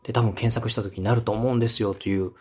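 Speaking fast in a fairly low, steady voice that's darkish and slightly rough, a man hosts a podcast. As a radio director, he coaches listeners conversationally, explaining things politely and encouragingly.

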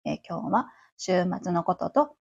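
A woman's voice: lowish voice, lively intonation, normal speed, gravelly, slightly rough, lo-fi sound. A woman around forty with a Kansai accent, chatting on her own as host of a livestream radio show, rambling along with many fillers. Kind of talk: casual solo chat.

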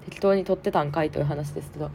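A woman with a Kansai accent, hoarse and stuffed up, hosting a frank, chatty solo podcast with plenty of fillers. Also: sits low, steady tone, rapid-fire, a little mellow, slight background noise. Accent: Kansai Japanese. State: hoarse, congested nose. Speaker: podcast host. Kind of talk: casual solo podcast talk.

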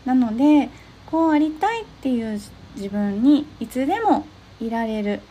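A young woman talking through advice in a gentle, step-by-step way, often pausing on soft fillers. Her voice is fairly high, with a dark, mellow tone. There is a breathy, husky edge to it. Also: sing-song. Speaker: podcast host giving advice to therapists. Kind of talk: casual advice talk.

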